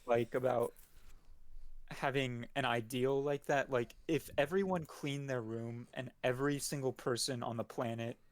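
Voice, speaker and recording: A man's voice: medium pitch, fairly even intonation, moderate pace. A man, a guest in a casual discussion, talking loosely with lots of "like".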